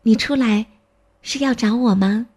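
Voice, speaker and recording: A woman voicing a thin, quiet seven-year-old girl in a storybook reading, her voice soft, tender and childlike. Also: a little high, measured pace, husky, voice pushed up. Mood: cheerful.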